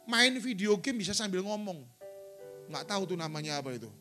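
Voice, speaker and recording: A man's voice: high-pitched, expressive, a little fast, sharp tone, faint music behind. A middle-aged male pastor preaching a sermon in a church, telling stories and acting out quotes. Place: church sanctuary.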